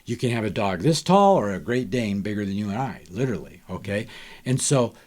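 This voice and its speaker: A man's voice: lowish voice, sing-song, a little fast, darkish tone. Emphatic older man, preachy podcast guest. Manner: emphatic, preachy, rhetorical questions. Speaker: guest author.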